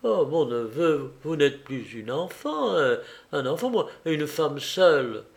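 A man voicing a fussy, anxious elderly aunt while reading a novel, raising his pitch a little for her. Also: big pitch swings, slow, gravelly, full character voice. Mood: flustered.

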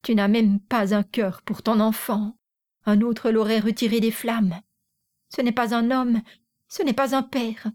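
Woman playing a distraught young mother, high wailing voice, tearful, dark mellow tone. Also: level tone, measured pace, natural voice. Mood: angry.

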